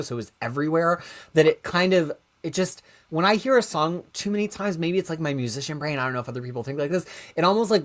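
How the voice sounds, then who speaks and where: A man co-hosting a show in casual chat, thinking aloud and often breaking off to restart his sentences. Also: fairly high pitch. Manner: rambling, self-interrupting, thinking aloud. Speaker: show co-host.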